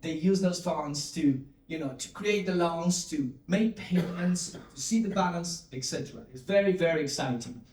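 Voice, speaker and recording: Speaking at normal speed with hardly any pauses, a CTO gives a keynote in a slightly high, a little mellow voice. He engages the crowd and asks them to respond, with frequent fillers and restarts. The large hall is echoey and the mic distant.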